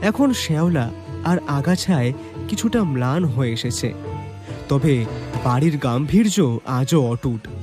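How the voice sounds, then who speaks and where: A man with a slightly high voice narrates a detective story as the detective's companion. His delivery is expressive, dramatised and scripted.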